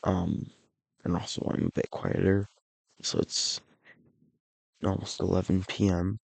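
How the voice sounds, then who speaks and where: In a dry, close recording free of room sound, the creator of an alternate-history map series talks over a map video at a measured pace. His voice is low, gravelly and raspy, hoarse as if he's a little sick, and his relaxed narration rambles with frequent restarts and self-corrections.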